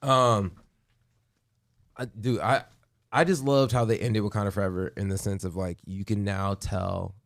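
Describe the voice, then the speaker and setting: A man hosting a podcast, chatting casually and excitedly in quick bursts with restarts. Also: fairly low pitch, gravelly. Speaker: podcast host. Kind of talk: casual chat.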